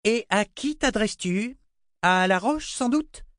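A man reading an audiobook, voicing a vain, cruel queen with a shrill, imperious manner. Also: lively intonation, unhurried, a bit bright, no room sound, studio quality. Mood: haughty, cruel. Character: vain cruel middle-aged queen, hysterical and haughty.

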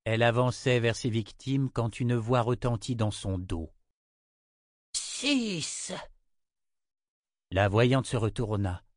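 A man reading a dark fantasy novel aloud, steady and measured. His voice sits at an ordinary middle pitch, and the sound is close and dry, with no room around it. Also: dry recording. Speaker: audiobook narrator. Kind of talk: scripted fantasy narration.

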